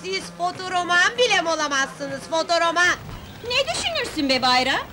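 Mouthy flower seller, squeaky and swooping, old movie with music. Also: female voice, sing-song, moderate pace. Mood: sassy. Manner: sharp-tongued, teasing. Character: sassy young flower seller. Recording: old film soundtrack with music.

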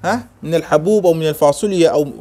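Male law teacher, reads slowly, quizzes his class. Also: a little high, mellow. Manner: reads text slowly, then explains with questions to students. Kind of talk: classroom lesson explaining a text.

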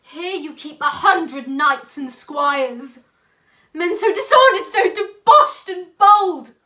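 High, forceful Shakespearean noblewoman acted by young woman. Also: lively intonation, slow, full character voice. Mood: imperious anger. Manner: declamatory, swinging from hushed to forceful. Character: haughty, scornful noblewoman rebuking an old man. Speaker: student actor. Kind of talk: theatrical Shakespearean English monologue. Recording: distant mic.

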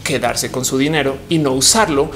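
A woman in her thirties talking to camera in an informal explainer vlog, chatty and animated, with slang fillers, recorded in a small home studio. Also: very deep voice, a little hiss or hum. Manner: fast, animated, with lots of hand gestures. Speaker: vlogger. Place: indoor home studio with bookshelves.

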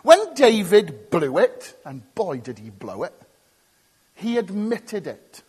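A man's voice: high-pitched, huge pitch swings, slow, darkish tone, slightly rough. A male pastor preaching a sermon with emphatic, repetitive short phrases and casual asides to his congregation. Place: church. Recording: long church reverb.

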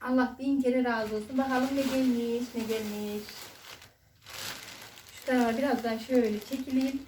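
A middle-aged woman vlogging casually at home to her followers, talking in a loud, booming way. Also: steady tone, normal speed, noisy background. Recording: echoey room, distant mic.

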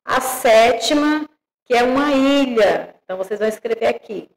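A Brazilian woman teaching young children, spelling out syllables slowly and checking in with the class. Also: on the high side, expressive, creaky, low-quality recording. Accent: Brazilian Portuguese. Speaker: primary school teacher.

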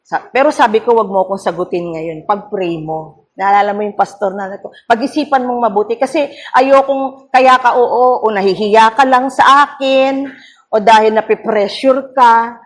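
At a prayer meeting, a middle-aged woman pastor delivers a devotional sermon built around an earnest personal story. Her voice sits on the high side at a moderate pace; she mixes in English phrases and often checks in with listeners using "no?" tags.

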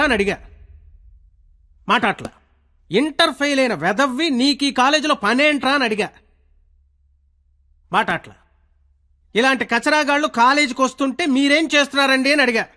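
An actor playing a middle-aged man who scolds and mocks loudly and sarcastically in a film scene. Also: very high-pitched. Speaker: angry uncle berating a college. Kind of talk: film dialogue. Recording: film audio with music behind.

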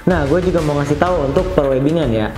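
A young man giving a casual, slangy, enthusiastic product review to camera on a lapel mic. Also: fast talker. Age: young adult. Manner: chatty, slangy, enthusiastic pitch. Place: studio with plain blue backdrop. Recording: roomy studio echo with music bed. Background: background music.

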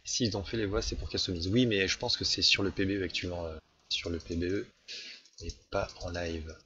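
A man's voice: low-pitched, steady tone, fairly quick, bright, forceful tone, dull audio, slight background noise. A young adult man chatting casually as he live-streams a game.

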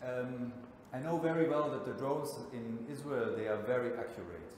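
A man's voice: medium pitch, normal speed, darkish tone. A man, a journalist putting probing questions in a formal interview. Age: 40s. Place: large open stone terrace, seated. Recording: echoey open hall, background noise.

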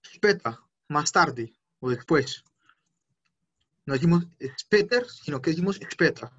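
A man teaching a live online German class, who explains slowly, spells out endings and corrects himself often. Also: on the high side, lively intonation, breathy edge, highs cut off.

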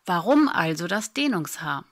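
A woman, teaching a spelling lesson in a patient, clear way with dry little asides. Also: fairly low pitch, sing-song, a little slow. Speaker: German spelling tutor. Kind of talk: slow explanatory lesson.

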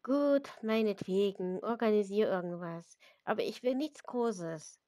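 A tired, withdrawn teenage schoolgirl, as a woman reading a story puts her on gives quiet, reluctant answers. The voice stays close to plain mid pitch. The storybook reading sounds dry and close. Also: measured pace, no room sound, lightly acted. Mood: subdued.

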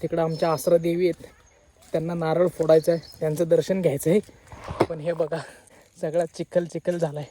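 A man's voice: a little high, level tone, brisk, background noise. Cheerful man vlogging outdoors. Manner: cheerful, chatty, laughs often. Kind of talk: casual village vlog narration. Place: outdoors on farm fields.

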